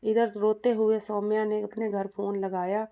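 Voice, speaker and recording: A woman narrating a scripted story in a steady, plain manner, in a dull lo-fi recording. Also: mid-range voice, normal speed.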